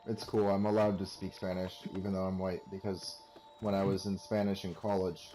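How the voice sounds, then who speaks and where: A man talks over his gameplay in a low, mellow voice, rambling from one wry joke to the next. He mocks himself and the game in a casual, offhand way. Faint music plays behind him. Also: flat delivery, fairly quick, poor audio. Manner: wry, rambling, self-mocking jokes. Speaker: let's play commentator.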